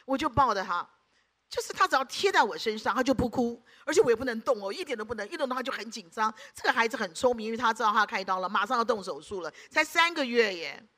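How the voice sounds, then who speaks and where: A woman preacher delivers a sermon in a high, bright, forceful voice. She speaks emphatically and keeps putting rhetorical questions to the congregation to check they are following. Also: expressive, fast.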